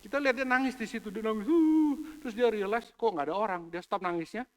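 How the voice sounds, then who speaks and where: A man's voice: sits high, rapid-fire, fairly bright tone, clear, resonant tone. A male pastor preaching a sermon in a church, joking with the congregation and slipping English phrases into his talk. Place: church hall. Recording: long hall reverb.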